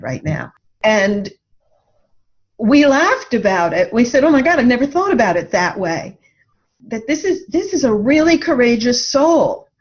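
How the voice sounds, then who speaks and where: On a dull lo-fi recording, a middle-aged woman guesting on a podcast as a life coach speaks in a slightly mellow voice on the high side. She talks reflectively, earnestly and thoughtfully, telling stories from her experience.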